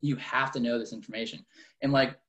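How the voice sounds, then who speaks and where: A man's voice: medium pitch, steady tone, brisk, fairly bright tone, low-quality recording. A man in his early twenties talking in a casual, motivational way, informal and slangy, often saying "like". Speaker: car salesman in training, military veteran.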